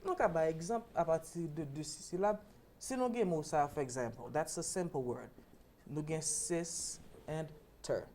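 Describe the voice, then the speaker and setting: A woman's voice: low-pitched, animated, moderate pace, dark tone, a little hiss or hum. A Haitian woman teaching English pronunciation on a talk show, explaining patiently and checking in with a repeated "ok?".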